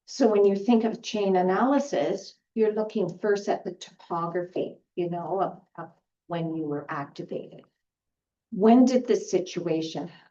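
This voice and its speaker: A woman facilitator teaching a skills lesson, guiding gently with fillers and restarts. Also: fairly low pitch, moderate pace. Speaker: group facilitator. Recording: dull lo-fi recording.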